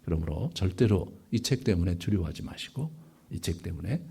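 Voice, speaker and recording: Animated, lively-pitched male preacher. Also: brisk, creaky, breathy edge. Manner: animated, rising and falling sharply in pitch and loudness, rhetorical "예?" asides. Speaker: pastor. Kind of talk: Bible lecture sermon.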